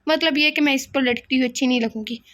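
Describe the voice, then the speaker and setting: A woman's voice: high-pitched, fast talker, fairly bright tone. Woman reading a chatty, playful young friend.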